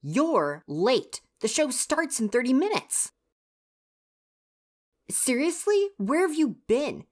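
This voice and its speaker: At medium pitch, a woman plays a grumpy, easily flustered stagehand of university age, speaking straight to the listener in an ASMR roleplay. She's huffy and exasperated, scolding with sighs.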